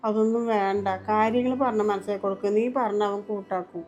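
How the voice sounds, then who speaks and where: A woman's voice: medium pitch, steady tone, fast, a little mellow, highs cut off, soft background music, close to an everyday voice. A woman playing a stern mother in a family short film, emphatic and reproachful. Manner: scolding, emphatic, lamenting. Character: stern mother, fiercely protective of her daughter-in-law. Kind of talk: home-made family drama acting.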